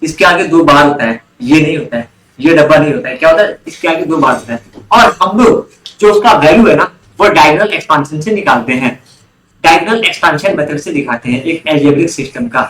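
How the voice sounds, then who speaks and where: A man's voice: a little high, fairly quick, fairly bright tone, echoey room, slight background noise, rough recording. A man teaching an online commerce class, often quizzing students and repeating key terms. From India. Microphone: online class recording.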